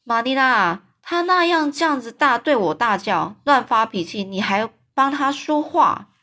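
A blunt middle-aged neighbor woman in a storybook, voiced by a woman narrator, who scolds with no tact at all. Her voice is pitched up and pushed a little louder than normal talk. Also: expressive, normal speed. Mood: huffy.

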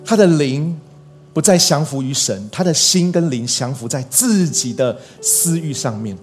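A man's voice: a little high, expressive, a little slow, faint music behind. A male pastor giving a sermon in an earnest way, repeating key phrases for emphasis.

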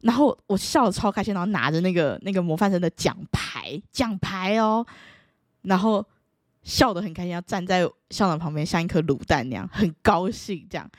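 A young woman tells a personal story to camera in a casual, playful way. Her pitch swings widely and often jumps into high excited bursts. The sound is close and dry, with no room echo. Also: brisk. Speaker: vlogger.

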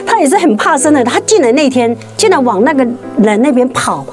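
A woman tells her faith testimony in an earnest, halting way, restarting and repeating words and climbing higher when the story gets tense. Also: very animated, music in the background. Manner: rises sharply in pitch at tense moments. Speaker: guest sharing a faith testimony. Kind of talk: emotional personal storytelling.

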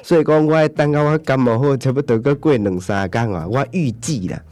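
A man's voice: mid-range voice, a little fast, a little mellow. A man with a Taiwanese accent co-hosting a casual chat about proverbs, playful and teasing, laughing often. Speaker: co-host.

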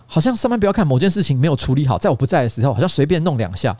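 A man's voice: on the high side, sing-song, rapid-fire, mellow, no room sound. A man in his forties with a Taiwanese Mandarin accent, hosting a casual livestream chat and rambling with many restarts and repeats. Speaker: podcast host. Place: office studio.

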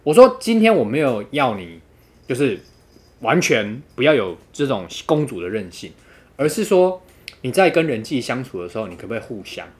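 A man telling a dating story in casual chat, quoting others with animated, laughing delivery. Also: mid-range voice, moderate pace.

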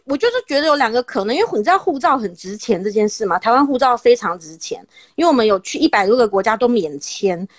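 A woman's voice: fairly high pitch, fast talker, hardly any pauses, no echo, clean studio sound. A woman in her thirties with a Taiwanese Mandarin accent, hosting a podcast and telling a dramatic story in casual chat. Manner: dramatic, animated storytelling with laughs. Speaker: podcast host.

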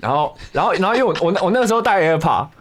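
A young man with a Taiwanese Mandarin accent tells a story quickly and in a rambling way. He often restarts and repeats words. His pitch moves a lot, which keeps the chat animated. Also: slight background noise. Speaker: podcast co-host.

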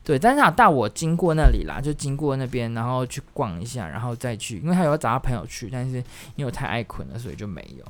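A man, hosting a podcast and telling casual stories, animated and acting out the voices of the people he quotes. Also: mid-range voice, fast. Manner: animated, acts out quoted voices, laughs often. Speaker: podcast host. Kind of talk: casual storytelling monologue.

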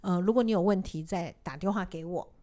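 A woman's voice: lowish voice, fairly quick, dark tone. A woman hosting a casual talk show, telling a counseling story and acting out what people said, with many fillers. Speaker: podcast host and counselor.

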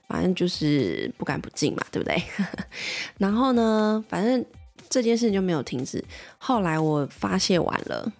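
A woman's voice: lowish voice, gravelly, darkish tone. A woman, a mother chattily telling a parenting story and asking the listener questions. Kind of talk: casual personal storytelling.

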